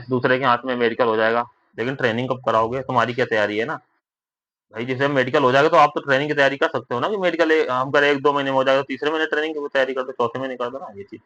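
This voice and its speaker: A young vlogger talks through recruitment updates informally, leaning on tag questions to see if viewers agree. He has a mid-range, fairly bright voice with no echo, captured in a dull lo-fi recording.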